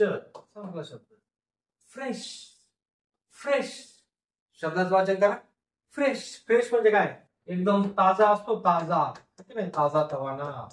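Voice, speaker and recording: A man leads a phonics class. He sounds out each word piece by piece and repeats it for his students. His voice sits high and carries a roomy echo. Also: far from the mic. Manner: slow, repetitive syllable-by-syllable sounding out. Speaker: teacher. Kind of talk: phonics lecture, sounding out words. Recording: echoey room, voice from off the mic.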